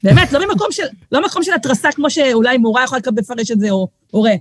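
A middle-aged woman, a guest author telling lively stories in a casual podcast chat, acting out quoted voices and often restarting her sentences. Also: high voice, husky, no room sound, studio quality.

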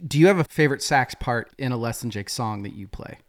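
A man's voice: mid-range voice, lively intonation, fast talker. A male podcast co-host asking interview questions in an upbeat way and laughing often. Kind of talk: casual interview.

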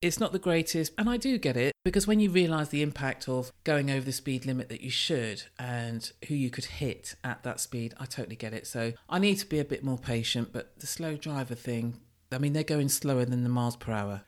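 A British podcast host with a loud, carrying voice, chatting alone into the mic in a casual monologue. The delivery is blunt and self-mocking, mid-pitched and conversational. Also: brisk. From United Kingdom.

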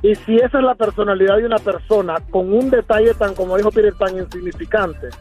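Blunt, indignant high-voiced male caller. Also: quick pace, a little mellow, soft background music. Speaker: radio caller. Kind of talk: phone-in comment.

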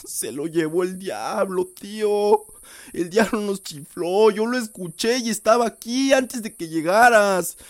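A young man with a Mexican accent acting a frightened young man who shouts and curses while searching for his brother in a radio drama. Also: high-pitched, unhurried. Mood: shaken. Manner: shouting, cursing, defiant. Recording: drama with loud music score.

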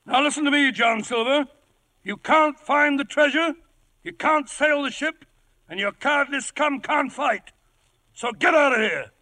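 An actor playing a blustering, indignant English country squire in a radio drama, emphatic and given to sputtering. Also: male voice, very high-pitched, a little slow, sharp tone, exaggerated voice. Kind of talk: 1950s radio drama acting. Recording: noisy old radio broadcast.

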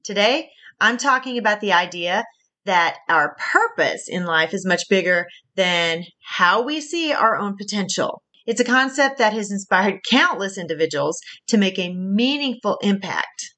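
A woman's voice: medium pitch, lively intonation, unhurried, pushed and bright. A middle-aged woman with a Southern US accent hosting a faith-based podcast, earnest and encouraging, laughing at her own slips. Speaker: podcast host and career coach.

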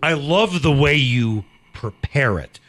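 A man's voice: medium pitch, lively intonation, slow pace, a bit bright. A man hosting a sports radio show in the studio, chatty and enthusiastic, also reading sponsor spots. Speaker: radio talk show host. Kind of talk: casual studio chat.

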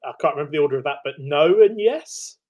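A man's voice: fairly high pitch, lively intonation, fast, darkish tone, highs cut off. A man, co-hosting a casual podcast chat, talking hesitantly with stumbling restarts. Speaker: podcast co-host.

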